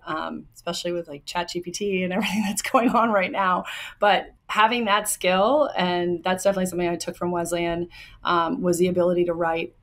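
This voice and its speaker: A young woman who coaches hockey answers interview questions in a soft, fairly low voice. She explains things earnestly, her speech full of ums and likes.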